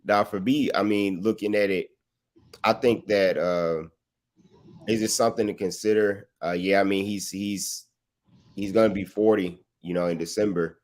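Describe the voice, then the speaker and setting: A man's voice: on the low side, steady tone, moderate pace, a little mellow. A man hosting a casual sports talk show, asking long rambling questions full of fillers.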